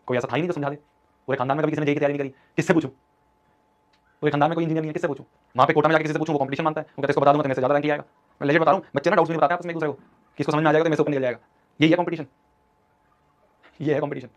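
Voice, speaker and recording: A young man in his twenties, an online teacher giving a motivational class talk in an urgent, scolding, repetitive way. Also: a little high. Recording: dull lo-fi stream audio.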